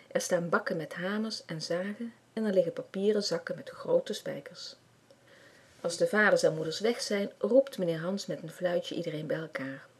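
A woman reading a children's story aloud with lively expression. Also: lowish voice, breathy edge.

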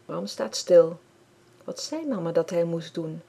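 A woman reading a children's story aloud, calm and clear. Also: on the low side, unhurried. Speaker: audiobook reader.

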